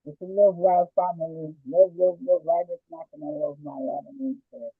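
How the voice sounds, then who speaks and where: A woman's voice: on the low side, normal speed, breathy edge, no echo, narrow, tinny audio, faint music behind. A woman giving earnest, reverent greetings on a call, speaking far from her phone so she sounds faint and distant. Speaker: meeting participant. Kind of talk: spoken remarks on a group call. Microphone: phone held away.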